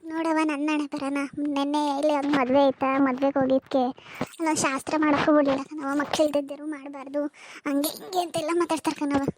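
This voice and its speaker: A woman's voice: high voice, little pitch movement, quick pace, background noise, natural voice. A woman voicing an unhappy young village wife in a cartoon, complaining plaintively in rustic dialect about her in-laws. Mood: lamenting.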